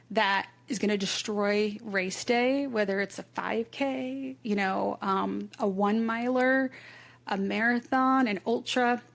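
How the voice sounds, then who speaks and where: Chatty woman with vocal fry. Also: mid-range voice. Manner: chatty storyteller, heavy use of "like". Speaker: podcast host. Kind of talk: casual podcast chat.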